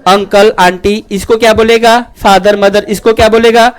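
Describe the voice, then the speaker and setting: A man's voice: high voice, clean tone. A man teaching a class, who keeps asking the students whether they have understood and moves between joking asides and earnest advice. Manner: keeps checking students understood with quick questions; joking and lively, then earnest and preachy. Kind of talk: classroom lecture.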